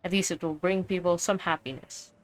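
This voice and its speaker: A woman voicing a calm, kindly older male weapon engineer as she reads game dialogue aloud, steady and explanatory with small slips. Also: fairly low pitch, a little fast, a little hiss or hum, close to an everyday voice, poor audio. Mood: explaining.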